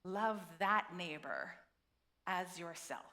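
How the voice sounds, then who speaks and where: Slow, earnest woman rabbi at a pulpit microphone. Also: lowish voice, expressive, pushed and bright. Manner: earnest, measured delivery with deliberate repetition. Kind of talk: sermon. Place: synagogue sanctuary.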